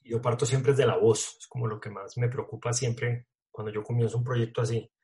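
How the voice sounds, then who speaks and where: Male actor, relaxed interview chatter, slangy, lots of restarts. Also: mid-range voice, a little fast. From Colombia. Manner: casual, slangy, many fillers and restarts. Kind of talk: casual interview talk.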